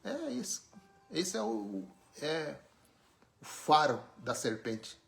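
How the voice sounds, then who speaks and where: A man's voice: on the high side, wildly swooping pitch, takes it slowly, vocal fry, fairly bright tone, soft background music. Emphatic São man preaching. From Brazil, born in Pernambuco, raised in São Paulo. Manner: emphatic, rhetorical questions, wry chuckles. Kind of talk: informal online sermon.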